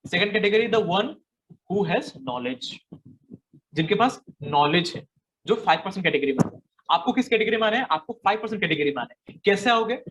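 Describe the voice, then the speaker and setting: A man's voice: high-pitched, fairly bright tone, rough recording. A young man running a sales training session, emphatic and repeating his key points, slipping English slogans into the talk. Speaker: network marketing trainer. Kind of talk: live online training session.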